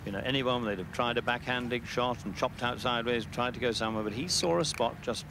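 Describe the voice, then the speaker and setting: A man giving explanatory live golf commentary in a measured, analytical manner. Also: mid-range voice. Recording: clear outdoor background noise.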